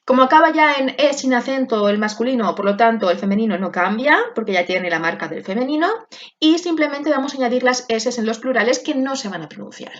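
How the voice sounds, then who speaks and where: A woman teaching a class, explaining pronunciation slowly and repeating each word carefully. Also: on the high side, lively intonation, highs cut off. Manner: slow, deliberate, repeats words for pronunciation. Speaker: French teacher.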